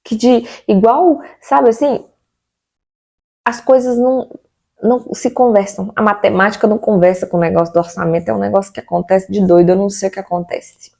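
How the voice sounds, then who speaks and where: A woman's voice: medium pitch, fairly even intonation, fairly quick, creaky, dark tone. Exasperated chatty Brazilian woman. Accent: Brazilian Portuguese. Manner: chatty and exasperated, with rhetorical questions. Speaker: vlogger. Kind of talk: casual venting to camera.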